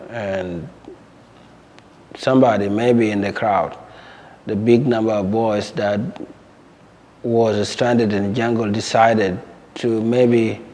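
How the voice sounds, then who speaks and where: A young man from Sudan, recounting his life story in a measured, plain way and often pausing to repeat words. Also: lowish voice, darkish tone, slight background noise. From South Sudan. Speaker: interviewee. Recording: long hall reverb.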